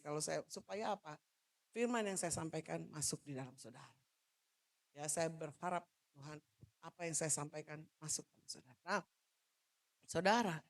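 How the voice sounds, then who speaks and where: A woman pastor from Manado giving a loud, animated sermon, joking with the congregation and moving about as she preaches. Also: mid-range voice. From Manado, Indonesia. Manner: jokes with the congregation. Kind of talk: lively sermon.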